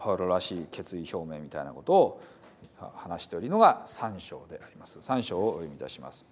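A male pastor giving a sermon in a relaxed, explanatory way with frequent fillers. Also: fairly low pitch. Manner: conversational and explanatory, many fillers.

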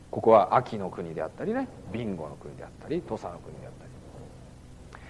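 A man's voice: a little high, darkish tone, a little hiss or hum. A man giving a sermon as a pastor, conversational and dotted with fillers, in a church hall. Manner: conversational preaching with frequent "ano" fillers.

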